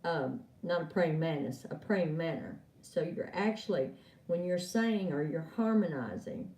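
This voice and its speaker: During a live stream, a woman does an oracle card reading, chatting and laughing with viewers she addresses by name. Her voice is low-pitched and warm with a measured pace, recorded far from the mic in an echoey room.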